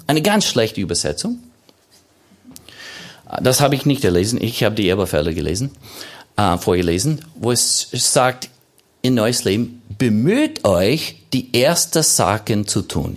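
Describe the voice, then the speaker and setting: A man preaching a sermon as pastor, stressing his points by repeating phrases and by asking questions and answering them himself. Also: on the low side.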